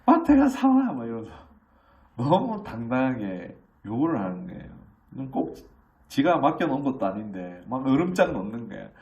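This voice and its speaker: Animated middle-aged Korean pastor preaching. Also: male voice, mid-range voice, moderate pace, recorded from a distance, lo-fi sound. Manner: animated, acts out children's voices in quotes; conversational, asks the congregation questions. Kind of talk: sermon.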